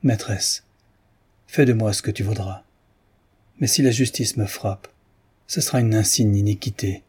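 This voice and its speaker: A man's voice: on the low side, measured pace, a little mellow, slightly rough. A man reading aloud voices a guilty coachman who defends himself and pleads with his mistress. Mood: pleading. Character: guilty male coachman, fearful then defiant.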